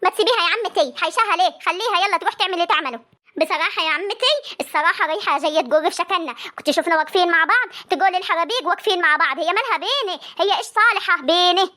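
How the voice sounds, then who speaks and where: A woman's voice: extremely high pitch, rapid-fire, bright, forceful tone. A woman with an Egyptian accent playing a combative young wife who taunts and complains in a comic family drama.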